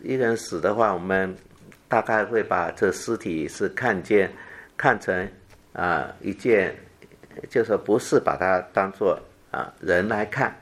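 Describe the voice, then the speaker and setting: A man preaching a Bible teaching sermon, talking haltingly with fillers and repeated phrases, and dropping softer to read the scripture quotes. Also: low-pitched.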